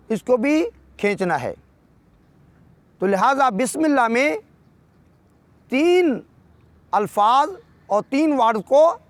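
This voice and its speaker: A man with a Pakistani Urdu accent teaching correct Quran pronunciation, explaining rules and then reciting words slowly and drawn out, his voice dropping low at the end of his sentences. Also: no room sound. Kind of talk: tajweed lesson with slow demonstrations.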